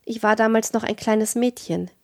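A woman's voice: fairly high pitch, fairly even intonation, normal speed, natural voice. A woman reading a storybook, voicing a young woman who wistfully tells of her vanished father.

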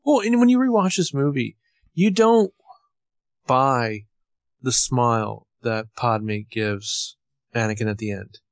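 A man's voice: mid-range voice, slow pace, dry recording. A man co-hosting a casual film discussion, informal and opinionated. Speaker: podcast co-host.

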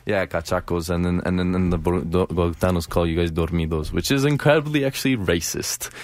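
A man's voice: low-pitched, fairly quick, no room sound. A young man hosting a student radio show, chatting casually in a rambling, jokey way with lots of restarts. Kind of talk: casual chat.

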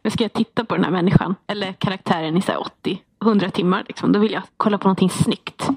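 A woman's voice: medium pitch, darkish tone, breathy edge. A young woman in casual podcast chat about games, playful, blunt and joking. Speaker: podcast co-host.

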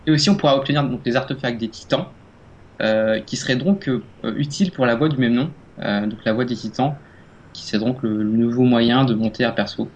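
A man's voice: mid-range voice, brisk, highs cut off, a little hiss or hum. A man co-hosting a casual gaming podcast, explaining hesitantly with many fillers and restarts. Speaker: podcast co-host.

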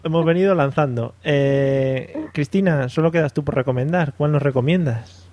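A man hosting a podcast, moving the talk along with jokes and quick short replies. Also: a little high, warm tone, slight background noise. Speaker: podcast host. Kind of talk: casual podcast chat.

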